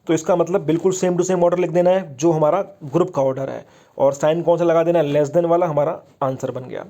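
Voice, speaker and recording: Male chemistry teacher, mellow and fairly high voice, quizzes himself as he explains. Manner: explains step by step, asks and answers own questions. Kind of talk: exam-prep lesson.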